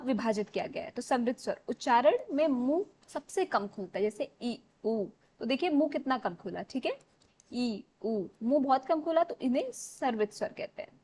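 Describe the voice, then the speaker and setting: Woman teacher going over exam revision, voice a bit high, keeps checking in with the class. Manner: explains step by step, often checks with "ठीक है"; mixes English words into Hindi.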